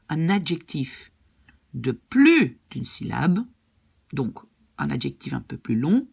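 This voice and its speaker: A woman's voice: sits low, creaky, slightly rough. A woman language teacher patiently explaining grammar rules and often checking that her students follow.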